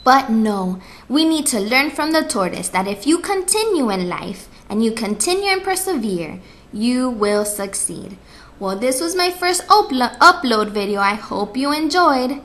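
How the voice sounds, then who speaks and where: Expressive, high-voiced young woman storyteller. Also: a little slow. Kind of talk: read-aloud fable narration.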